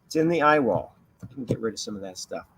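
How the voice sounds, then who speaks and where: A man's voice: fairly low pitch, lively intonation, fast talker, fairly bright tone, husky, low-quality recording. A man giving live severe weather commentary as a livestream host, explaining emphatically and repeating key points. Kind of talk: live hurricane commentary over radar.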